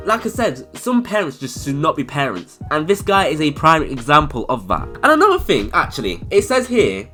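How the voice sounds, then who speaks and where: Young male YouTuber for reaction commentary, bright, forceful voice that swings widely in pitch, indignant and swearing. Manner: indignant, heated ranting with swearing. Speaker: YouTuber reacting to online stories.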